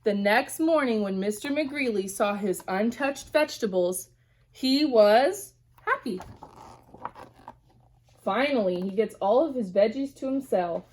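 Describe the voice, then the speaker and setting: A woman teacher with a fairly high voice reads a storybook aloud to young children, animated in her delivery and stopping now and then to ask them questions.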